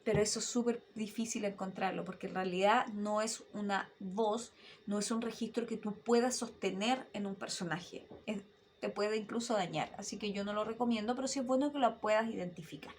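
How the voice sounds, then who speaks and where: A woman's voice: mid-range voice, a little hiss or hum. A woman, a voice-acting coach giving an online dubbing lesson. She keeps asking her listener rhetorical questions. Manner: animated teacher, asks rhetorical questions, demonstrates voices.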